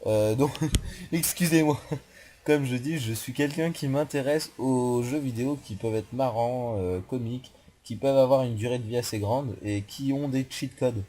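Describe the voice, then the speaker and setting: A young man commenting on a horror game he is playing, rambling and joking, swearing and yelling when startled. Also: mid-range voice, moderate pace, a little hiss or hum. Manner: rambling, jokey, swears, yells at scares. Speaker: gaming youtuber.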